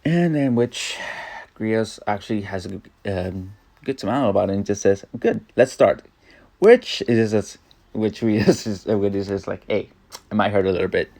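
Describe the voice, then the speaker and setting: A young man reading his own fan fiction aloud, rambling and halting with many fillers and restarts. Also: fairly low pitch, a little mellow. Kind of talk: improvised fan fiction narration.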